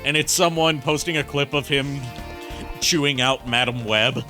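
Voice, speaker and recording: Man, game streamer, forceful bright tone, casual crude commentary, rambling, faint music behind. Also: medium pitch, moderate pace.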